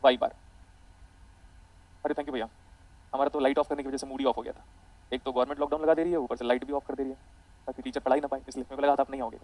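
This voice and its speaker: A man teaching an online physics lecture, rapid and animated, calling his students beta. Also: medium pitch, poor audio.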